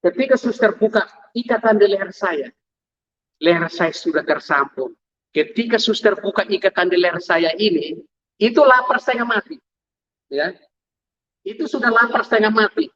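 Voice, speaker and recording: A man's voice: high voice, lively intonation, normal speed, long pauses, fairly bright tone, highs cut off, slight background noise. A man telling his testimony to a congregation, storytelling vividly and acting out sounds. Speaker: testimony speaker.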